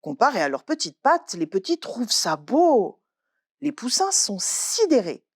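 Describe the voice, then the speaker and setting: Woman reading a kids' story out loud, slow, voice swooping up and down a lot. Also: a little high. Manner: expressive, slow, lively delivery. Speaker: librarian storyteller.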